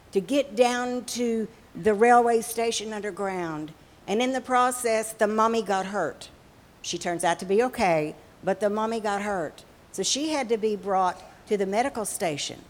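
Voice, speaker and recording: A woman tells a story in a sermon at a slow, expressive pace. She pauses for effect and leans into the tense moments. Her voice sits at an ordinary pitch for a woman.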